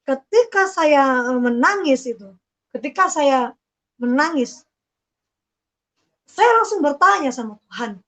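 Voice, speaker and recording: High-voiced woman giving a slow testimony. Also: expressive, a bit bright, poor audio. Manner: slow, halting, emotional storytelling with many restarts. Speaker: testimony speaker. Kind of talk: personal faith testimony.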